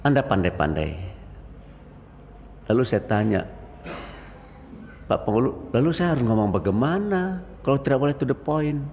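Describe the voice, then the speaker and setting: An older Indonesian man gives a lively after-dawn mosque sermon, telling stories and acting out the voices he quotes. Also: medium pitch, normal speed, vocal fry, pauses often. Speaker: preacher. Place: mosque hall. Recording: reverberant mosque hall, faint noise.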